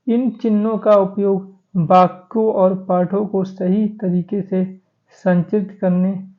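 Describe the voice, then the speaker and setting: A man teaching a Hindi grammar lesson for exam preparation, going through points by number. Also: high voice. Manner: steady, listing points by number. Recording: tinny phone-like audio.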